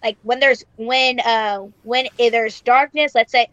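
A woman's voice: a little high, fairly even intonation, a little slow, fairly bright tone, no echo. A woman in casual podcast chat, rambling with lots of "like" fillers and casual swearing. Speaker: podcast co-host. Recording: dull lo-fi sound.

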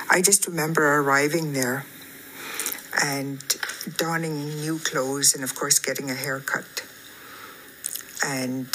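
A woman in her sixties from Alberta giving measured interview testimony as a residential school survivor. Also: a bass voice, pushed and bright, a little hiss or hum, low-quality recording. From Canada (Alberta). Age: 60s.

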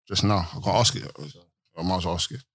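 A man's voice: low-pitched, fast, fairly bright tone, husky, no echo, clean studio sound. A man with an urban London roadman accent and street slang, chatting casually as one of a podcast's hosts. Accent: London, urban roadman-style slang. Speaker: podcast host. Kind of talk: casual group chat.

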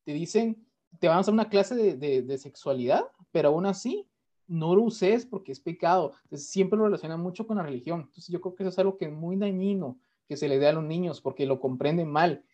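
A man's voice: fairly high pitch, animated, brisk, warm tone. A man hosting a casual panel chat, rambling along with many fillers and restarts. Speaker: host. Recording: dull lo-fi sound.

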